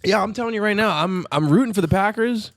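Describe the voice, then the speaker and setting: A man co-hosting a podcast with casual, rambling sports banter, excitable and freely swearing. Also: sits high, quick pace, dry recording, studio quality. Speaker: podcast co-host.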